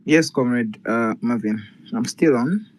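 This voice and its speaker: A man answering questions at an online party meeting in a measured, formal way with some fillers. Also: medium pitch, slight background noise, poor audio.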